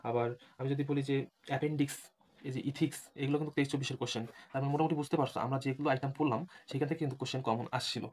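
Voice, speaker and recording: A man's voice: medium pitch, darkish tone. A man teaching an admission-prep lesson, spelling words out letter by letter and often checking that students follow. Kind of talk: online lecture.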